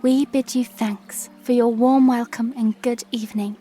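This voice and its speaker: A woman's voice: fairly high pitch, fairly even intonation, a little slow, mellow, faint music behind, close to an everyday voice. A woman playing a gracious, teasing young princess in a fantasy audio drama, speaking in a refined, playful way. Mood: gracious, formal.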